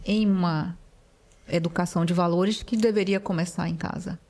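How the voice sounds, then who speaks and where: A woman's voice: lowish voice, fairly even intonation, normal speed, a little mellow. A woman hosting a podcast conversation, reflective and hesitant, with many fillers. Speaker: podcast host.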